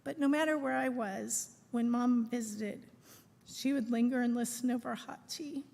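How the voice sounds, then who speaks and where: A middle-aged woman reads a prepared eulogy aloud in a measured, phrase-by-phrase way, speaking in a large room. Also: a little high, vocal fry, a little mellow. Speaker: daughter giving a eulogy. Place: large room at a memorial service. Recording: echoey hall with long reverb.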